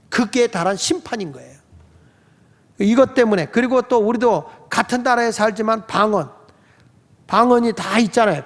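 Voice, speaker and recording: A man delivering a sermon as pastor of a congregation. His voice sits high for a man, and he talks to the people in a plain, questioning way. The sound carries the long reverb of a church sanctuary. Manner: conversational preaching, asks the congregation questions.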